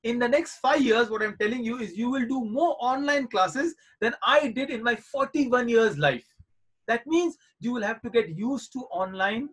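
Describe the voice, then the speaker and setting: A man's voice: very high voice, moderate pace, fairly bright tone, slightly rough. A man in his forties teaching children in a live online class over a video call, reassuring and coaxing them and repeating his points. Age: 40s.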